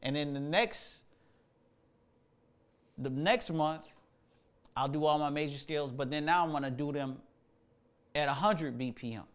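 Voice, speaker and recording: On a relaxed livestream, a musician and host talks through music practice in a fairly high, smooth voice, unhurried and pausing often. He's slangy and easygoing, thinking aloud with plenty of fillers.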